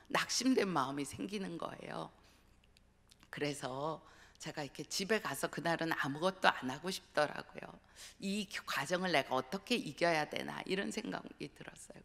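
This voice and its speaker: A middle-aged woman preaches a testimonial sermon as a guest speaker, telling her story earnestly and slipping into whispers to stress a point. Her voice is bright and gravelly. It rings with the long reverb of a church sanctuary. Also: deep voice. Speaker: guest speaker, pastor's wife.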